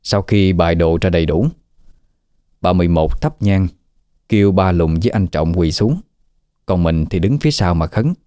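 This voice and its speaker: A man narrating a scripted ghost story in a steady way. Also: deep voice, normal speed, long pauses, no echo, clean studio sound. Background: faint background music.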